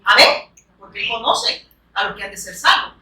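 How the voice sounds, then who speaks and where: Woman preacher, emphatic sermon delivery, bright and fairly high voice, heard from a distance. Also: big pitch swings, moderate pace. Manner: emphatic, keeps urging listeners to look and punctuates with amen. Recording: echoey room, voice picked up from a distance.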